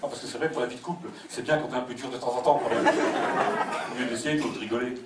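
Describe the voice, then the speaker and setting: A man's voice: mid-range voice, quick pace, over a noisy crowd. A man performing a comic stage monologue as a whiny grown son, acting out his parents' voices. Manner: plays a fifty-two-year-old overgrown son, mock-whiny, acts out both parents. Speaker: stand-up comedian. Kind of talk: live comic monologue in character. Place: theater stage with audience laughter. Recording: echoey live stage from a distant mic, loud audience noise.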